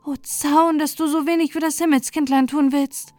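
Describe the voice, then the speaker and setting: A woman's voice: high voice, normal speed, no echo, soft background music, voice pushed up, close to an everyday voice. A woman voicing an eager, fussy little queen wren bird in a storybook, fretting and scolding. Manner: fretful, excited, scolding. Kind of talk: storybook character voice.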